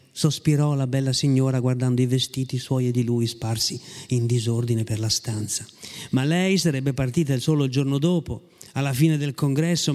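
A man reading a story aloud with a lively, ironic delivery and occasional asides to his listeners. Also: fairly high pitch. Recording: long hall reverb.

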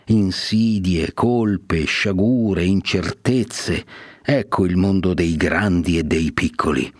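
A dignified elderly cardinal, as a male reader takes him on, in a low, unhurried voice. He admonishes with grave, measured authority, and the sound is dry and close. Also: dry recording.

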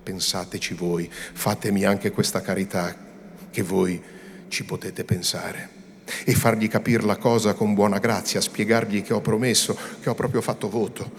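A man voicing a young devout woman who pleads softly and earnestly through tears. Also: on the low side, flat delivery, moderate pace, lightly acted. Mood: tearful pleading. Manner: soft, earnest and imploring.

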